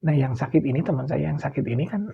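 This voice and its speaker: A man's voice: a little high, fast talker, gravelly, slightly rough. A middle-aged man from West Java with a Sundanese accent, telling an eerie story in a casual chat, acting out what people said and sometimes dropping to a near whisper. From West Java, Indonesia. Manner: animated, acts out quotes, drops to near whispers. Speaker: guest storyteller. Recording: dull lo-fi sound.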